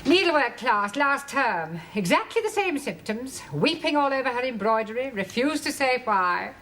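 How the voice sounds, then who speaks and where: An actress playing a prim middle-aged English headmistress with a crisp, dry, proper way of speaking. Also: female voice, high voice, sing-song, normal speed, fairly bright tone, a little hiss or hum.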